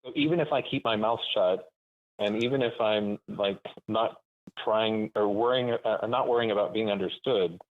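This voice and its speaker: Man talking over a clipped phone line. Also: fairly low pitch. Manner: thoughtful, halting, searching for words. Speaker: caller. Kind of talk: call-in conversation. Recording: narrow tinny phone line.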